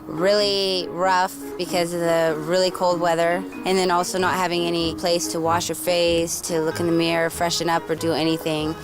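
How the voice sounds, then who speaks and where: A woman's voice: on the low side, level tone, normal speed, few pauses, rough recording. A woman speaking candidly as a reality show contestant in a casual interview. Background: music.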